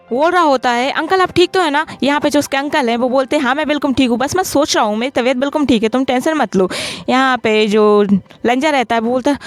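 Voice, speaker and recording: A woman with a smooth, clear voice pitched a little high retells a drama in a relaxed, chatty way. She walks through each scene step by step and speaks every character's lines in her own plain voice. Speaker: drama recap narrator. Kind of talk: casual storytelling recap.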